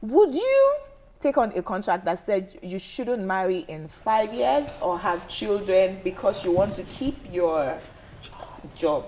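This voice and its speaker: A woman's voice: medium pitch, big pitch swings, a little slow, darkish tone. A woman hosting a studio talk show, upbeat as she reads out call-in details.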